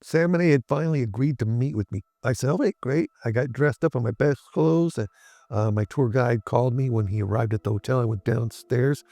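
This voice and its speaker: A middle-aged man, a guest in an interview, recounting events in a measured way with frequent pauses and fillers. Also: mid-range voice, warm tone, no echo. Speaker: interview guest, Navy veteran. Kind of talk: interview storytelling.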